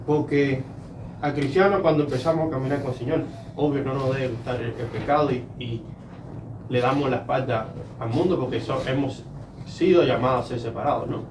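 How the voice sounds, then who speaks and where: A man's voice: medium pitch, a little fast. Distant echoey man speaking in church. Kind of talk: sermon. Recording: distant, echoey mic with noise.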